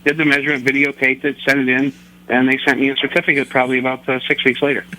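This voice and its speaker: A man's voice: mid-range voice, little pitch movement, racing, sharp tone, low-quality recording. A middle-aged man telling rambling, joking, self-deprecating anecdotes as a radio interview guest. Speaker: interview guest, record holder.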